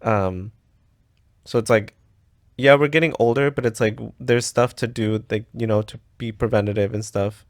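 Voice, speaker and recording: A man's voice: on the low side, fairly even intonation, moderate pace, no room sound, clean studio sound. A man in his thirties from the US co-hosting a podcast, chatting in an easygoing way and laughing easily. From United States. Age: 30s. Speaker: podcast co-host. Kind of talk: casual chat.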